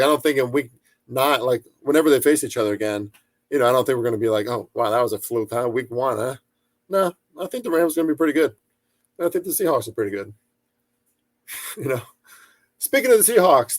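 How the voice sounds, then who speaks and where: A man's voice: medium pitch, no echo, clean studio sound. Casual, profane male sports bettor. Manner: loose and profane, full of fillers and restarts; hedging, chatty asides. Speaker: sports betting commentator. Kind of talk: casual sports betting commentary.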